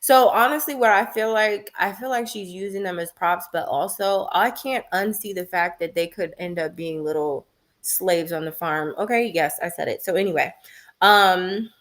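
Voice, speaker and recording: A woman's voice: on the low side, a bit bright. A woman hosting a casual, blunt and gossipy recap of a reality TV show, talking with slang and lots of fillers.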